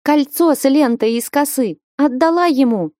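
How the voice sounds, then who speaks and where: A woman's voice: high-pitched, moderate pace, mellow, no room sound, studio quality, voice pushed up, close to an everyday voice. A woman reading an audiobook voices a bold, bossy young village woman who scolds and commands sharply. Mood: scolding.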